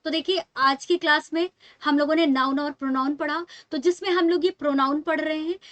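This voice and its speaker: A woman's voice: sits high, steady tone, fairly quick, a bit bright, no echo. A young woman with an Indian accent teaching an English grammar class online, explaining step by step and answering her own questions.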